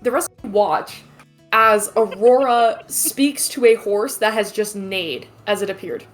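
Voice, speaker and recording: A woman's voice: mid-range voice, unhurried, soft background music. Profane laughing woman running the game. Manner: laughing, profane, loose narration. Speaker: game master. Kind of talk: narrating a tabletop game.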